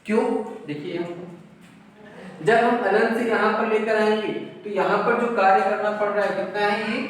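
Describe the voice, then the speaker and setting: Guy teaching physics, high voice, asks stuff then answers it himself, big echoey room, mic far off. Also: steady tone, moderate pace, a little hiss or hum. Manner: asks questions and answers them himself, repeats key terms; mixes in English words and numbers. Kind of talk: classroom physics lecture.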